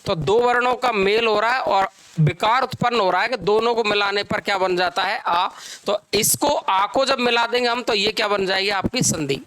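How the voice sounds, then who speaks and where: High-voiced bright teacher, dry sound. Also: male voice, smooth, no room sound. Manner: repeats phrases slowly while dictating, asks and answers own questions. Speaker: Hindi grammar teacher. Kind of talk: classroom lecture.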